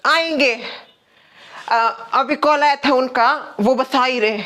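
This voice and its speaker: A woman acting the daughter-in-law in a comedy sketch, placating and quick with replies. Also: high-pitched, fairly bright tone. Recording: echoey room with long reverb.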